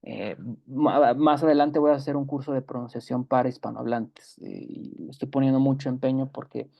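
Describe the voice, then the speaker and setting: Guy teaching english grammar, slow repeated examples, lots of ehs, kinda gravelly, muffled lo-fi audio. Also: mid-range voice, fairly even intonation. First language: Spanish. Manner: explains patiently, repeats example words slowly; many fillers and self-corrections. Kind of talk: online grammar lesson.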